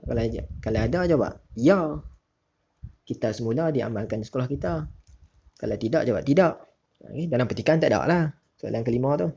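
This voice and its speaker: A male teacher gives a recorded lesson, reading each question slowly and deliberately before relaxed asides to the pupils. His voice is mellow and a little husky. The recording sounds dull and lo-fi. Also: medium pitch.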